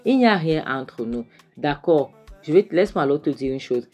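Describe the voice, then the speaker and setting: A woman voicing an exasperated young woman pleading with her mother, in a low voice. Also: lively intonation, normal speed, mellow, faint music behind.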